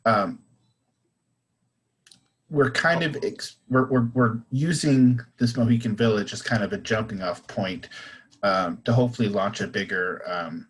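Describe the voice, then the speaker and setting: A man's voice: on the low side, measured pace, slightly rough, low-quality recording. A man with a Southern US accent talking in a casual panel discussion, hesitant and full of fillers and restarts.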